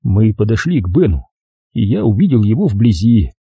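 A man narrating a detective novel in the first person, measured and expressive. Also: on the low side, gravelly, slightly rough, no room sound, lo-fi sound. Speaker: audiobook narrator.

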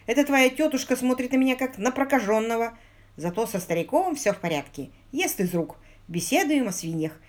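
A woman reading the part of an eager, flustered young man in love, talking fast to explain himself. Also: on the high side, lively intonation, pitched above the performer's own voice, close to an everyday voice. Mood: exasperated.

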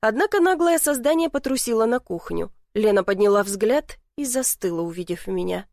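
A woman reading first-person audiobook narration in an even, expressive way. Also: mid-range voice, normal speed, gravelly, no room sound, clean studio sound.

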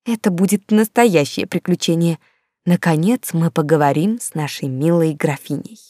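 A woman voicing an eager ghostly marquise who talks in quick exclamations in an audiobook. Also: sits low, mellow, dry recording, studio quality. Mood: delighted.

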